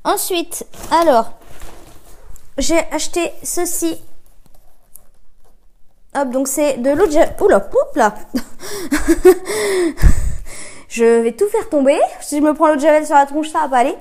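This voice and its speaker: A woman with a high-pitched voice chats her way through a product haul, pausing often on fillers and correcting herself as she goes. It is recorded on a phone camera at home, close and informal. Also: a little mellow. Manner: chatty, many filler hesitations and self-corrections. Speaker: vlogger reviewing discount-store buys. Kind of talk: casual chatty product haul.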